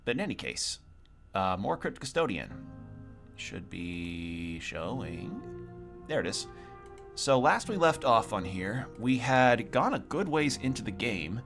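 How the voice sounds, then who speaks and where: A young game streamer chats casually over gameplay on a livestream from his own room, with music playing behind him. His mid-range voice swings widely in pitch, runs a little slow and has a creaky quality. The cold room leaves him slightly sniffly.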